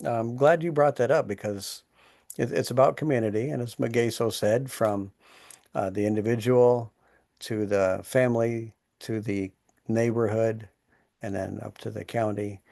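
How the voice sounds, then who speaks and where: A man's voice: on the low side, steady tone, moderate pace, vocal fry, warm tone, studio quality. A man hosting an online town hall, talking in a plainspoken, earnest way about community and caring for people. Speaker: host, resiliency leader.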